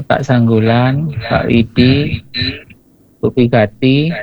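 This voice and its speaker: A man calling in to a radio show over a WhatsApp call whose connection keeps breaking up, sending relaxed greetings. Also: medium pitch, slow, vocal fry, a crowd in the background. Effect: choppy WhatsApp phone line, breaking up. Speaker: caller. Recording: lo-fi phone call audio.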